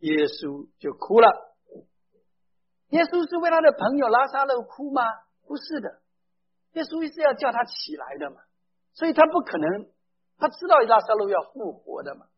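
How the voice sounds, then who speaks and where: A man's voice: extremely high pitch, sing-song, normal speed, creaky, pauses often, breathy edge. A man preaching a sermon, speaking emphatically, putting questions straight to his listeners and mixing in English phrases. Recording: dull lo-fi recording.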